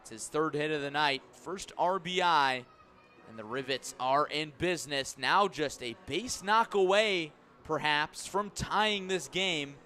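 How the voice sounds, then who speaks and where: Calling a baseball game live, this male announcer sounds like radio sports commentary, with a slightly high-pitched voice that is bright and forceful. His pace is measured, his phrases clipped, and he stresses the important words.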